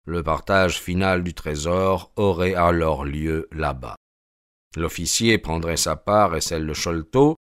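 A man reading an audiobook, narrating a first-person story in a measured, steady way. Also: sits low, clean tone, dry recording, clean studio sound. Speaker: audiobook reader.

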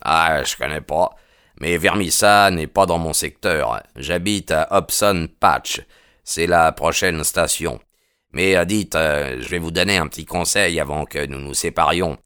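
A friendly, confiding miner passes on advice to a newcomer, as a man reads him. His deep voice stays chatty and a little hesitant, dry and close on the mic. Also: unhurried, sharp tone, clean tone, dry recording, heavily acted. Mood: advising.

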